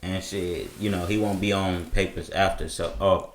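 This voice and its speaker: A man co-hosting a podcast, telling a story in a relaxed way with lots of fillers. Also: sits low, normal speed, roomy sound, slight background noise. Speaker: podcast co-host. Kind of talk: casual chat.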